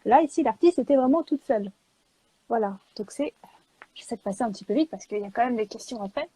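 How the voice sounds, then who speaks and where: A woman publisher and illustrator talking in a live video chat, lively and joking, filling gaps with small words. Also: fairly high pitch, fast, husky, poor audio. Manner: lively and joking, with many fillers.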